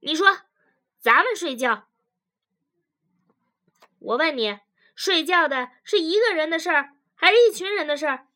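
A woman voicing a sharp-tongued, relentless wife in a storybook reading, firing off fierce, cutting retorts. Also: high-pitched, very animated, moderate pace, few pauses, pitched above the performer's own voice, exaggerated voice. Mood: indignant.

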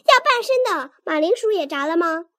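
A woman's voice: sits high, big pitch swings, normal speed, dry recording, clean studio sound. A woman voicing a blunt, playful young husband in a storybook reading.

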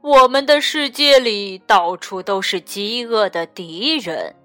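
A woman voicing a wise, kindly old male toad grandpa who slowly explains his secrets in a storybook tale. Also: medium pitch, fairly bright tone, no echo, faint music behind, voice pushed down. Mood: wise, patient.

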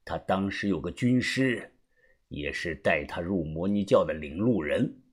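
Man doing a low hushed secretive old uncle. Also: expressive, a little slow, slightly rough, full character voice. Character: older man, calm, secretive storyteller uncle. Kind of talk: audiobook character voice.

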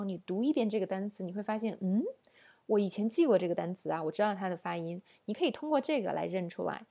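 Female English teacher, warm low-key timbre, chatty explanatory lecture style. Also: gravelly. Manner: explanatory, uses many fillers and rhetorical questions. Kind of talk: online lesson lecture.

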